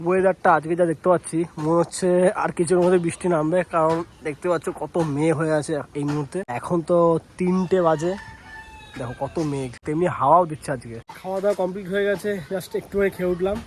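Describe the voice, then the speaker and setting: A man's voice: fairly high pitch, fast, slight background noise. A young man vlogging casually about his day at home, chatty, and teasing and bossy with a child. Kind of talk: casual vlog narration. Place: home and yard, in and out of doors.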